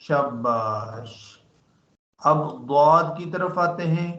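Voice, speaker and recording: A man with a slightly raised voice teaches slowly and deliberately over a video call. He repeats each syllable with patient emphasis. The sound is dull and lo-fi, with a roomy echo. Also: on the high side, lively intonation, fairly bright tone, slight background noise. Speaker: online Quran teacher. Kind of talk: online lesson drilling letter sounds.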